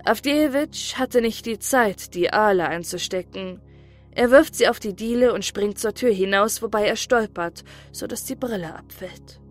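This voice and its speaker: A woman narrating a classic story as an audiobook in a calm, even storytelling voice. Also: medium pitch, normal speed, soft background music.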